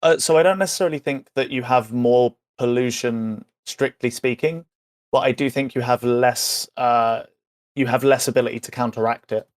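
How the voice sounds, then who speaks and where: A man's voice: mid-range voice, normal speed. A man chatting through a casual debate in a tentative way, hedging his points as he thinks aloud.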